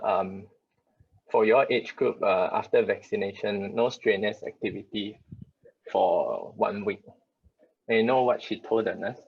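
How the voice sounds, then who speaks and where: A man's voice: lowish voice, creaky, breathy edge, dull audio. A middle-aged man with a Singaporean accent telling a dad joke in a hesitant, plain storytelling way. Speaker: contestant in a dad joke contest. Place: video call.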